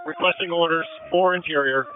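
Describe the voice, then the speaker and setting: A man's voice: a little high, fairly even intonation, fairly quick. A man, a responding firefighter, making businesslike, procedural reports over the radio. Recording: muffled, noisy radio with clicks.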